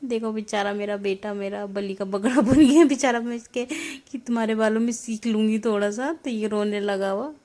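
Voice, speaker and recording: A woman's voice: mid-range voice, fairly even intonation, normal speed, hardly any pauses, dark tone. A young woman, a mother, chatting casually to viewers in a home vlog, talkative and often laughing. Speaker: mother vlogging her family channel.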